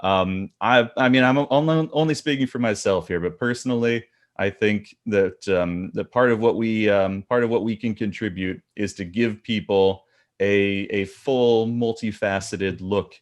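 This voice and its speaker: A man with a somewhat low voice hosts a podcast in an earnest, casual way. He often stops and restarts his sentences as he works out what to say. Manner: earnest, halting with repeated restarts. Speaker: podcast host.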